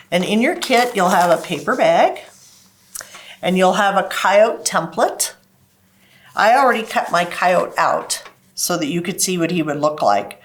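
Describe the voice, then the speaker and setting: A woman's voice: fairly low pitch, a bit bright. A woman hosting a children's library program, explaining stories and crafts to kids in simple step-by-step terms. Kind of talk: children's craft lesson and storytime talk.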